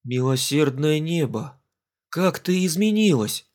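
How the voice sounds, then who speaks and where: A man's voice: medium pitch, moderate pace, darkish tone, lightly acted. An earnest, blunt young sea captain, voiced by a male audiobook reader. His voice stays in a plain middle register, close to the narrator's own.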